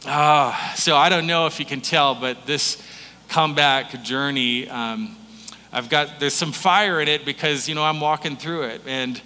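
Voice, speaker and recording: A man's voice: on the high side, fairly even intonation, measured pace, sharp tone. A man preaching a conversational sermon, informal and folksy, speaking directly to his listeners. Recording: reverberant hall.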